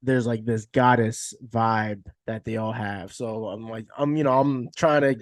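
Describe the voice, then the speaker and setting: A man's voice: mid-range voice, unhurried. A man hosting a podcast, chatting casually in a loose, rambling way. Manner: relaxed, rambling, many fillers like "like" and "you know". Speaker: podcast host.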